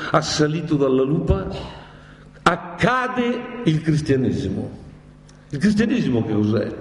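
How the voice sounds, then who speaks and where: A man giving a lively public talk, lecturing theatrically and with animated drama. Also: a little high. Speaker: speaker lecturing on Dante. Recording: echoey hall.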